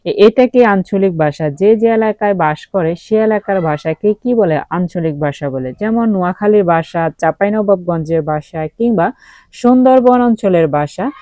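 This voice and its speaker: A woman's voice: medium pitch, normal speed, warm tone, no room sound. A woman from Comilla, Bangladesh, teaching a grammar lesson. She often asks a question and then answers it herself, with many fillers along the way.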